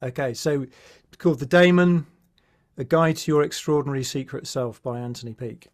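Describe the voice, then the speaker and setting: A man's voice: mid-range voice, moderate pace. A man hosting a podcast interview, talking in a casual, hesitant way with many fillers and restarts. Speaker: podcast host.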